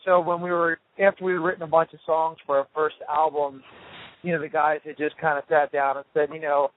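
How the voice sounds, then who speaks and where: A man in a band, talking casually over the phone from a tour RV, relaxed and rambling with lots of fillers. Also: a little high, brisk. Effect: heard over a phone line. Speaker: touring rock band member interviewed as guest. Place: tour RV on the road. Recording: tinny phone line.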